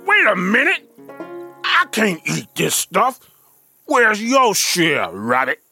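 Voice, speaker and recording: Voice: medium pitch, wildly swooping pitch, slow pace, pushed and bright, faint music behind, heavily acted. An actor playing a lazy, sleepy, scheming male bear in a children's story, with a drowsy, drawling and smug way of talking.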